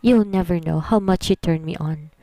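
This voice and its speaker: A woman's voice: fairly low pitch, moderate pace, mellow, dry recording, lightly acted. A woman reading a possessive brooding rich man.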